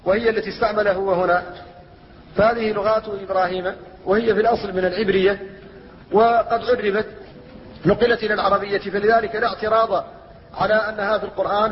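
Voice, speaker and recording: A man with a high, flat voice lectures in a measured teaching manner, slowing down to chant quoted verses. The recording is dull and lo-fi, with a long reverb trailing through a large hall. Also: a little hiss or hum. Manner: measured explanatory teaching, slows to recite verses. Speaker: Islamic scholar teaching Quran recitation rules.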